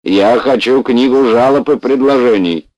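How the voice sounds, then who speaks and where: A man's voice: mid-range voice, normal speed, darkish tone, no room sound, lo-fi sound, pitched above the performer's own voice, close to an everyday voice. A man voicing a hefty, dim-looking young male hospital patient who whines and pleads, read in an audiobook. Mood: complaining. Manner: whining, pleading.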